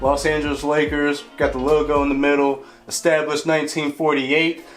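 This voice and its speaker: A man giving a casual home tour vlog indoors, playful and deadpan with tongue-in-cheek jokes. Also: fairly high pitch, moderate pace, faint music behind. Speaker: vlogger showing his man cave.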